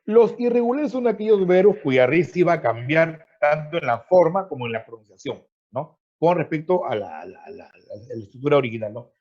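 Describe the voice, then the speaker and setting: A man's voice: a little high, expressive, a little fast. Man teaching over a muffled video call. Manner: explanatory, checks in with frequent "¿ya?" and "¿no?"; repeats words while searching. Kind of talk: online pre-university grammar class. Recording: dull lo-fi video call audio.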